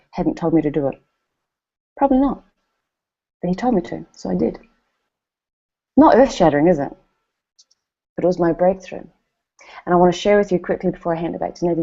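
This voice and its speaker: A woman from New Zealand with a New Zealand accent gives a motivational speech at a company event, telling animated stories and acting out what other people said. Her voice is lowish and creaky, and the recording has its highs cut off.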